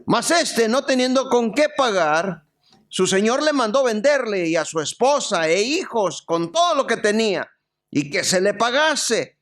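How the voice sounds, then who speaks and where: A male pastor from Mexico, preaching a sermon, telling humorous stories and then reading scripture aloud. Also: sits high. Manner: storytelling with lively jokes and scripture reading.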